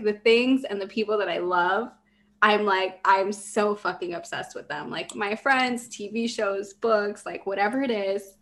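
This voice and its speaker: A young woman co-hosts a relaxed podcast chat. She is enthusiastic and laughs easily, cussing casually as she talks. Her voice sits at an ordinary middle pitch. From Mexico. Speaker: podcast co-host.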